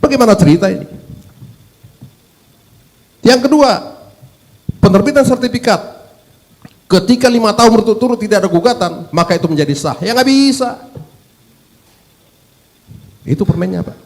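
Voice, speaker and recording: Man, fiery hearing speech, higher voice, lively pitch, rhetorical questions. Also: moderate pace, pauses often. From Medan, North Sumatra. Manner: emphatic, rhetorical questions, keeps addressing 'sir'. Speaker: parliament member at a hearing. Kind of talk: formal hearing address.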